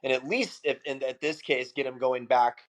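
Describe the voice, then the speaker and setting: A man's voice: mid-range voice, steady tone, normal speed. A man hosting a podcast, telling rambling stories in casual chat and swearing freely. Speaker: podcast host.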